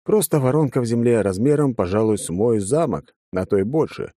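A man's voice: medium pitch, animated, a little fast, warm tone, dry recording. A man narrating a first-person fantasy audiobook with wry, dry asides.

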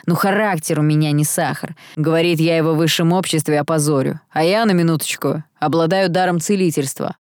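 A woman's voice: low-pitched, fairly even intonation, a little fast, few pauses, darkish tone, dry recording, studio quality, close to an everyday voice. A woman voicing a sarcastic, haughty nineteen-year-old half-angel man in an audiobook, with a mocking, flippant manner.

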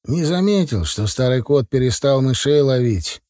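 A man's voice: medium pitch, lively intonation, moderate pace, mellow, no echo, studio quality, lightly acted. A man voicing an earnest young heir of a family business in an audiobook, speaking in a confiding tone.

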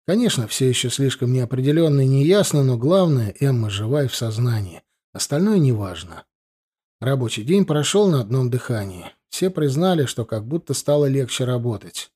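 A young man calmly narrating a first-person audiobook in a conversational storytelling manner. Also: mid-range voice.

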